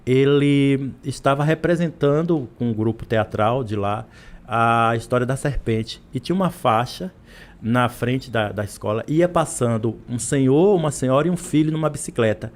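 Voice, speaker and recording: Brazilian male professor, podcast guest, stumbling restarts, steady mid-pitched voice. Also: normal speed. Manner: hesitant, many restarts and repeated words. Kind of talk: podcast interview.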